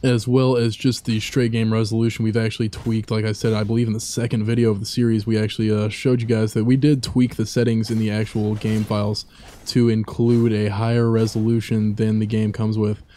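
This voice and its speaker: Rambling man with a mellow voice. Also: on the low side, level tone, a little fast. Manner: rambling, many fillers and asides. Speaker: let's play commentator. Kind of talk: casual gameplay commentary.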